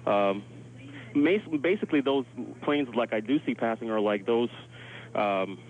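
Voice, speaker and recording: A man who works at a hotel gives a casual live eyewitness account over the phone, speaking a little slowly at a medium pitch and filling his loose sentences with "like." The phone line sounds dull and noisy, with alarms and emergency sirens going off behind him.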